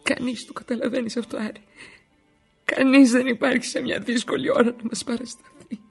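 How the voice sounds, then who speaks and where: Radio drama: a worn-out, scared wife far from home, raspy and gravelly, confessing her fears. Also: medium pitch, lively intonation, a little mellow, soft background music, heavily acted. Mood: panicked. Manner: emotional, confessional monologue. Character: frightened, exhausted wife, an immigrant feeling alone. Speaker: wife of an injured worker.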